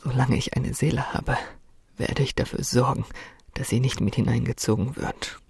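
A woman's voice: very deep voice, fairly even intonation, normal speed, gravelly, a little mellow, slightly rough, no echo, pitched below the performer's own voice, full character voice. A woman doing an outraged, defiant young man. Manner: agitated, protesting.

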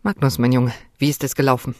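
A woman's voice: rumbling low, flat delivery, quick pace, no echo, studio quality, voice pushed down. A woman voicing a haughty, stern father who speaks brusquely, in a storybook reading. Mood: eager.

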